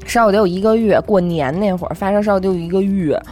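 A woman's voice: medium pitch, fast talker, a little mellow, faint music behind. A woman, chatting casually on a podcast and telling a funny family anecdote, acting out the quoted lines. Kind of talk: casual chat.

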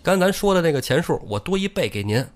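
A man voicing an anxious fugitive leader who pleads in a raised, hurried voice. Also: on the high side, very animated, soft background music, voice pushed up. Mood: pleading.

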